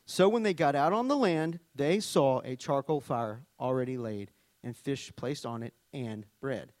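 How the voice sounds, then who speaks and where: Here a worship leader from Arkansas, middle-aged and Southern-accented, preaches at a measured pace in a mid-range voice. His sermon is conversational and chatty, full of jokes, lively storytelling and scripture reading. There's no room sound at all.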